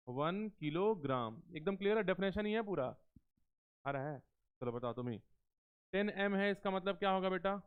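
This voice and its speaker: A man teaching chemistry in a live class, coaxing students with questions and slowing down to dictate terms word by word. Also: sits high, clear, resonant tone. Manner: coaxing, keeps asking students questions and calls them beta. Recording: tinny phone-like lecture recording.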